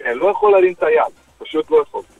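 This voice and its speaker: A middle-aged man with a Croatian accent, a former footballer telling stories as a radio guest, in lively, broken speech. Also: sits high, gravelly, narrow, tinny audio, soft background music. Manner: lively, acts out dialogue, broken grammar. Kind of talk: animated storytelling on radio.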